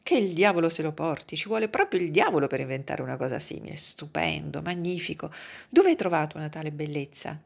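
A woman reading the lines of an excitable male lawyer, in a low, husky voice. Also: a little fast. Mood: enthusiastic.

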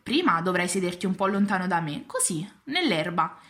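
A woman's voice: fairly low pitch, big pitch swings, normal speed, a bit bright. A woman voicing a wistful, lonely and wise female fox, talking earnestly in a storybook reading. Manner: earnest, pleading, reflective.

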